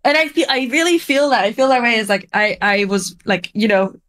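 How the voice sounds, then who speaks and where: A woman's voice: on the high side, lively intonation, a little fast, fairly bright tone. Chatty laughing European woman podcaster. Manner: laughing, chatty, quotes people in mock voices. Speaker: podcast host. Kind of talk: casual chat.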